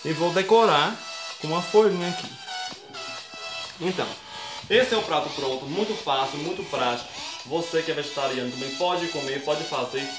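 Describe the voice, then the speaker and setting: A young Brazilian man walks viewers through a home cooking tutorial step by step, friendly and talkative, often saying "folks." His pitch is fairly high and his pace moderate, with a Brazilian Portuguese accent. Background music sounds through the echoing home kitchen.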